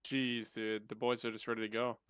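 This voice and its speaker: A man's voice: on the low side, flat delivery, brisk, crowd noise. A man bantering casually with gaming teammates in laid-back, slangy frat-bro talk.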